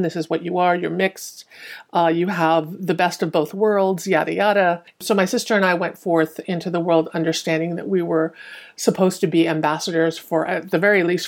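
Earnest woman on a video call. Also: lowish voice. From born in Hong Kong, raised in the US. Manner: earnest, talkative, many restarts. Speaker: podcast guest. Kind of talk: casual panel discussion.

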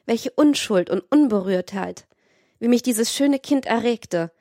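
A woman's voice: fairly high pitch, expressive, a little slow, warm tone, no room sound, clean studio sound. A woman reading the lines of a depraved, cruel man who gloats and schemes to himself. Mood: scheming. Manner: gloating, scheming inner talk. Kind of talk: dramatized audiobook reading.

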